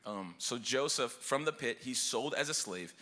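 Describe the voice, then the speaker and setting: A young man preaching from a church stage with a bright, forward voice. He talks to the congregation in a loose, energetic way, with fillers and call-and-response. The pitch sits in a middling male range. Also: moderate pace. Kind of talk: sermon. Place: church auditorium.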